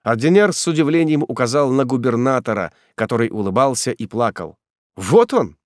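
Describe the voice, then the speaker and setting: A man narrating a classic novel in an expressive storytelling manner, close to the mic. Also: medium pitch, brisk, dry recording. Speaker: audiobook narrator. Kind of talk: scripted narration.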